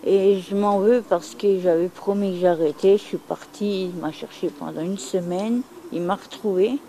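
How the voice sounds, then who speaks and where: A woman's voice: mid-range voice, steady tone, moderate pace, warm tone, slight background noise, rough recording. A middle-aged woman from France speaking frankly and bluntly about her past, repeating herself for emphasis. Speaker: interviewee. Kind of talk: candid testimony.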